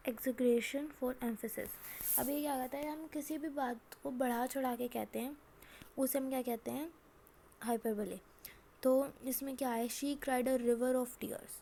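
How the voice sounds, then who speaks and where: A woman explains a lesson in a high, mellow voice. She poses questions and answers them herself, reading each example out slowly. A faint hiss of noise sits under the recording. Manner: asks and answers her own questions, reads examples slowly. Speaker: teacher. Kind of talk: classroom lesson.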